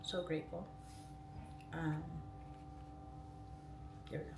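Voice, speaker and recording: Woman, late 30s, low voice, livestream host, speech slightly thickened by tongue piercing, roomy echo. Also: little pitch movement, slow. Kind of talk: casual livestream chat, reading viewer comments aloud. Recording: roomy echo, distant mic, clear background noise.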